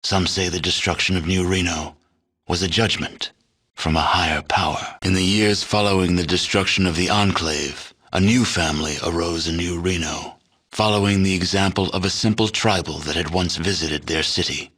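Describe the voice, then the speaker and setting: A male actor with a low voice plays a grave, world-weary storyteller, narrating a post-apocalyptic video game in a measured, solemn, deadpan manner.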